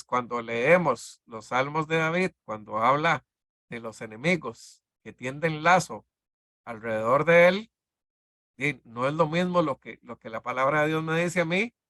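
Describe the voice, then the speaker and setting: A man leading a Bible discipleship class, talking in a halting, conversational way with many fillers and restarts. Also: on the high side, pushed and bright, dry recording, clean studio sound. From Costa Rica. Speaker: discipleship teacher.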